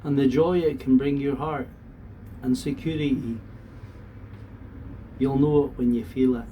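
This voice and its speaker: A man from the talks to viewers in a casual, unhurried, plain-spoken and earnest monologue. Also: mid-range voice, fairly even intonation, muffled recording. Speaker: vlogger. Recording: distant mic, faint background noise.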